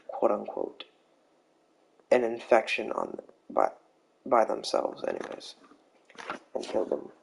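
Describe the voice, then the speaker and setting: Gravelly low-voiced man rambling a story. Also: a little hiss or hum, poor audio. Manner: rambling, halting, with many fillers and restarts; offhand, with casual swearing. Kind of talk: casual storytelling of a fan-made scenario.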